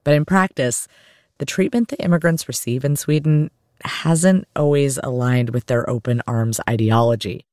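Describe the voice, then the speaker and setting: A woman hosting a podcast, narrating from a script in a clear, measured way. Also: a bass voice, darkish tone, no room sound, clean studio sound. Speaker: podcast host.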